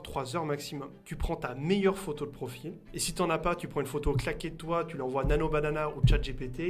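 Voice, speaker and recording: A young man coaching freelancers straight to camera, talking casually and punchily to the viewer. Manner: casual, addresses viewer as "tu", punchy pitch-style delivery. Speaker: business coach. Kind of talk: direct-to-camera coaching video. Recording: faint music bed behind voice.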